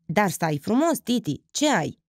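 A woman's voice: mid-range voice, sing-song, dry recording, clean studio sound. A woman reading an audiobook voices a proud, spirited young woman. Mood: annoyed.

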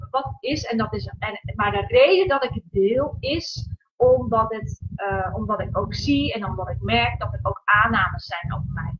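A woman hosting a casual live stream from home, talking in a halting way with many fillers and restarts. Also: a little high, a little hiss or hum. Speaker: livestream host, coach. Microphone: laptop. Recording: dull lo-fi laptop audio.

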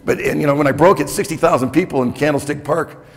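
A keynote speaker in his sixties talks candidly and conversationally to a conference audience in a hotel conference room, often checking in with "okay?". His voice is fairly high and he talks fast, picked up on a lapel mic in a reverberant hall.

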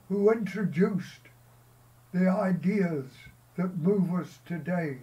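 Older scottish minister, really slow solemn prayers, highish voice, outside in a field with a far camera. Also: male voice, warm tone, muffled recording. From Scotland. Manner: slow, solemn, measured delivery. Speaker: minister leading a service. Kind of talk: sermon and prayers.

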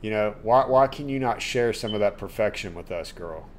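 Excitable man streaming a game. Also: lowish voice, normal speed, slight background noise. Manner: excitable, swears, talks straight to chat. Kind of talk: live gameplay commentary chatting with viewers. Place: home room at his desk.

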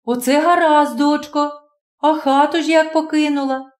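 A woman's voice: sits high, steady tone, normal speed, pitched above the performer's own voice, lightly acted. A woman voicing a pious, anxious older village landlady who frets and prays. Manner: fretful, praying. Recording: roomy echo.

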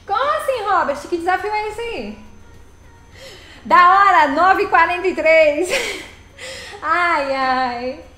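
A woman's voice: extremely high pitch, expressive, takes it slowly, long pauses, sharp tone, roomy sound. A woman live-streaming a truck game, chatting casually, laughing often and greeting viewers by name.

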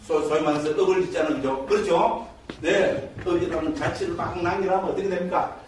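A male Buddhist monk giving a dharma lecture in a temple teaching hall, keeps checking in with his listeners through quick rhetorical questions. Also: fairly high pitch, steady tone, a little hiss or hum. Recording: echoey lecture hall, distant mic.

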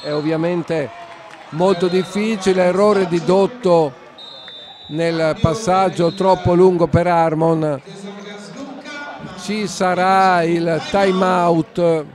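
A man giving live basketball commentary and analysis in a halting, emphatic, critical manner. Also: high voice, steady tone, crowd noise. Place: sports hall during a live game.

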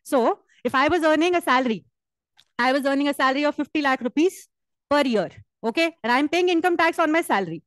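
A woman lectures a class in a high, bright voice, teasing and joking as she explains. The sound is dry and close, with no room echo. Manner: lively, teasing, mixes Hindi and English. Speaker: teacher.

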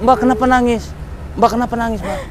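Guy as a passerby who steps in, calm and questioning, noisy outside recording. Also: very high-pitched, fast talker. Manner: calming, questioning. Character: concerned adult male passerby who steps in.

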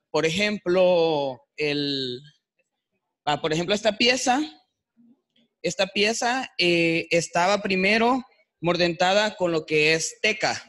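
A man with a high, bright voice demonstrates a dyeing technique to a live workshop group. He explains step by step, often stopping on fillers while he gathers his words. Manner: explanatory, hesitant, fills pauses with "eh" and "este". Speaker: artisan guest presenter. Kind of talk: demonstration talk. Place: workshop room with attendees.

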